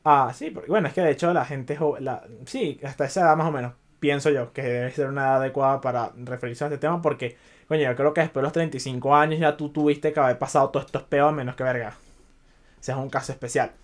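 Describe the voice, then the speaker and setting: A young Venezuelan man with a Venezuelan Spanish accent hosts a casual solo podcast, talking fast in a mid-range, steady voice. His style is loose and chatty, and he sprinkles English words into his speech.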